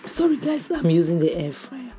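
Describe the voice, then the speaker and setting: Losing her voice to a cough, a series review vlogger talks through a drama episode at home beside a kitchen appliance. Her lowish, sing-song voice moves at a moderate pace over background music, and her opinionated chatter is full of restarts and "you know".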